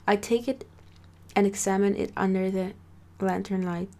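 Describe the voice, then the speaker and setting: A woman's voice: mid-range voice, fairly even intonation, normal speed, dark tone. A woman reading a first-person story aloud, often tripping over words and restarting them, and breaking in with casual asides. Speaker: story reader.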